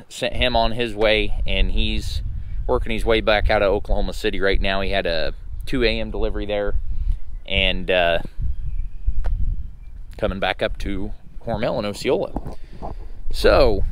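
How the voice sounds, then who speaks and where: A man with a slightly hoarse voice, recovering from losing it, gives a casual vlog update in a folksy, halting, unhurried way. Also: fairly low pitch, fairly bright tone, a little hiss or hum. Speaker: truck owner and vlogger.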